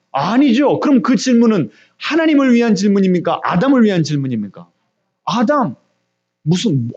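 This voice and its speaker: A man preaching an early-morning sermon as pastor, asking the congregation questions and answering them himself. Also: highs cut off. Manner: acts out God's words in a quiet low voice.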